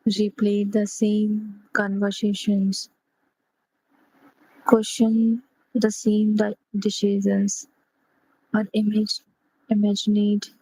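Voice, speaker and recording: Speaking at a medium pitch, a woman leads a sleep meditation in an unhurried, gentle way, pausing after each short phrase. The poor-quality audio carries no room sound.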